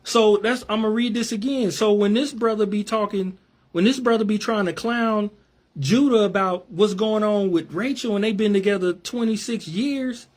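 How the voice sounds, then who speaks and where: A man with a high, bright-pitched voice reads screenshots aloud and breaks off to comment on them. He hammers his points home, says things twice, and drops into casual slang as a religious commentator addressing his viewers. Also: normal speed. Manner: emphatic, repeats himself, casual slang. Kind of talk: reading out messages with commentary.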